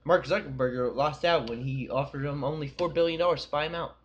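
A man's voice: a little high, fairly even intonation, a little fast, muffled recording, slight background noise. A young man co-hosting a podcast, telling rambling, profane stories in casual chat. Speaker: podcast co-host.

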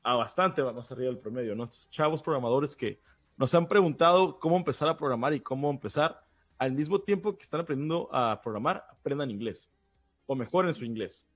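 A man's voice: medium pitch, lively intonation, fairly quick, breathy edge. A man from Baja California with a northern Mexican accent, talking casually as a podcast co-host. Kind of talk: casual conversational discussion.

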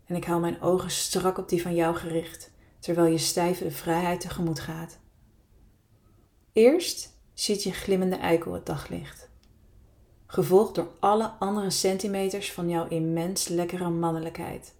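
Low-voiced woman reading a sultry story. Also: little pitch movement, unhurried, darkish tone. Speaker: reader of her own erotic story. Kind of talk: first-person erotic story reading.

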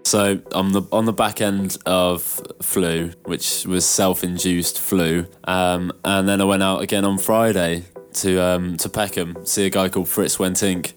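Casting note: man, deep husky-hoarse voice, relaxed co-host patter, music underneath. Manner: laid-back, slow, joking. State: hoarse from losing his voice. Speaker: radio show co-host. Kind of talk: casual radio chat. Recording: music playing behind.

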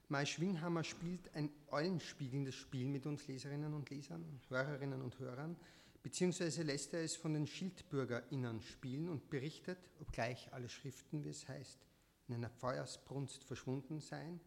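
A man's voice: a little high, creaky. A man moderating a literary reading, giving formal, wordy introductions of the next authors. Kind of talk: introducing readers at a literary event.

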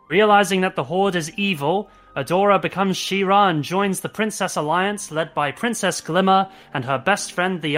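A young man talks casually as a review show co-host. His voice is bright and somewhat high for a man, with faint music underneath.

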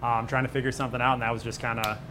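Laid-back guy from buffalo, restaurant owner just chatting, mid pitch, noisy room. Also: level tone, rapid-fire. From Buffalo area, New York, United States. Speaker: pizza restaurant owner and bartender. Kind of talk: casual interview chat. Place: on location at his restaurant. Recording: noisy location with background ambience.

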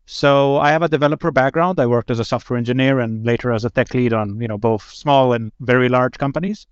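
Slovenian-born guy on a podcast, smooth voice, kinda muffled dry recording. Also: mid-range voice, quick pace, no room sound. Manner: relaxed, with fillers and self-corrections. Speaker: guest, software engineering director. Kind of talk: casual podcast chat.

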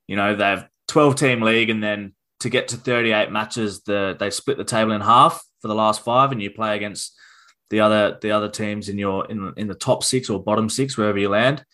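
A fairly quick, lowish-voiced man co-hosts a laid-back football podcast. He thinks aloud as he goes, with lots of ums and restarts.

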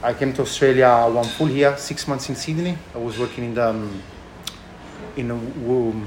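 Casting: male interviewee, thick Italian accent, halting conversational delivery, roomy sound, light background noise. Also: mid-range voice, steady tone. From Italy. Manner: halting, non-native phrasing. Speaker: chef and restaurant owner being interviewed. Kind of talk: casual interview answers. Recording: echoey room with background noise.

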